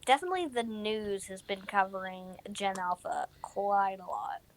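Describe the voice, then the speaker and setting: A teenage girl co-hosting a casual podcast chat, pausing often with ums. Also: medium pitch, slight background noise. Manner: hesitant, many ums. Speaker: co-host.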